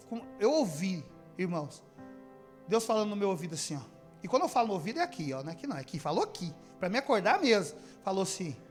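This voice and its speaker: A man from preaching a sermon as pastor, calling out to the congregation and swinging from shouting to near-whispering. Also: high-pitched. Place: church service.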